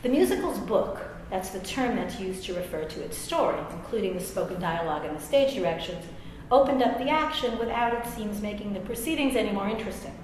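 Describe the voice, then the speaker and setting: An author and English professor, a middle-aged American woman, reads a personal essay briskly in an expressive, medium-pitched, darkish voice with hardly any pauses. Her asides are wry, self-deprecating, and conversational. The large room echoes heavily, with faint background noise.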